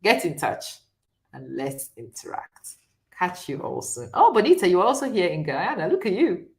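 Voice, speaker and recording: A woman's voice: on the low side, big pitch swings, moderate pace, creaky, darkish tone. A middle-aged woman from Ghana hosting a chatty live stream, talking directly to viewers and often laughing. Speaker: host.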